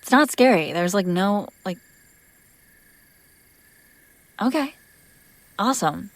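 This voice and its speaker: She is a woman acting as an affectionate, teasing, protective young vampire in an audio drama roleplay, using halting, intimate, casual speech that drifts into whispers full of breath. With a natural, expressive mid-range voice and no room sound, she sounds reassuring but hesitant.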